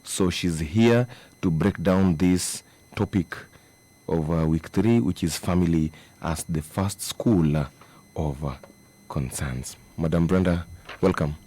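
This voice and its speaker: A Kenyan man hosting a radio program in a studio, giving formal, measured introductions. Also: low-pitched, dark tone. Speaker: radio presenter.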